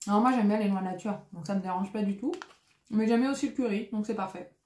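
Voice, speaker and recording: A woman's voice: medium pitch, fast talker, darkish tone. Chatty French dietitian woman, echoey room. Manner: chatty, lots of fillers, reads out ingredient lists. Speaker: dietitian-nutritionist. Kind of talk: casual unboxing vlog.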